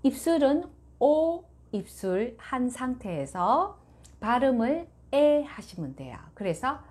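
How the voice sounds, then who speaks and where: A woman teaching a lesson at an unhurried pace, her pitch rising and falling in a lively, animated way. She explains patiently and sounds out the French phrases slowly and clearly.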